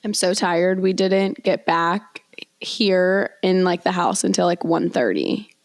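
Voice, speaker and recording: A young woman co-hosting a podcast, telling stories in a chatty, animated way with many fillers. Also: on the low side, takes it slowly, dry recording. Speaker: podcast co-host. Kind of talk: casual chat.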